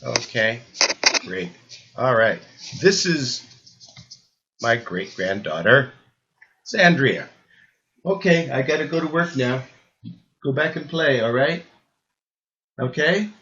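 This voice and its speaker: An older man talks at a middling pitch, rambling and restarting with repeated words. His voice comes through the muffled, lo-fi sound of an old camcorder recording. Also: lively intonation, takes it slowly, pauses often, pushed and bright. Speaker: health supplement presenter. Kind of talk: rambling spoken talk.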